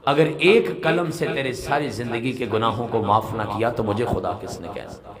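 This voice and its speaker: A man preaching an impassioned sermon, climbing from soft speech to near-shouted peaks and reciting verses, recorded live at a gathering. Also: medium pitch. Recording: live gathering with audible crowd.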